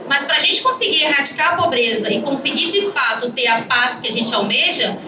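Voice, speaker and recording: A woman mediating a panel, explaining a topic earnestly to an audience and often checking in with them. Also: on the high side. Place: live event venue. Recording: echoey room, far from mic, noisy.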